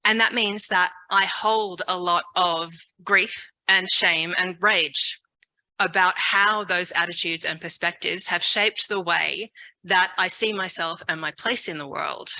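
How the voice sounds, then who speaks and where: A woman speaks frankly and reflectively at a forum. Her voice is very bright and a bit low, and the sound is dry and close. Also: fairly even intonation, a little slow, no room sound, poor audio.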